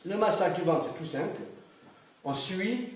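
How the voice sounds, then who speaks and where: Guy showing massage moves to a class, bit high voice, echoey room, keeps asking ok?. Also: animated, measured pace. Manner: chatty, keeps checking in with the class. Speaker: massage instructor. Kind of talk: hands-on teaching demonstration. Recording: roomy echo, faint background noise.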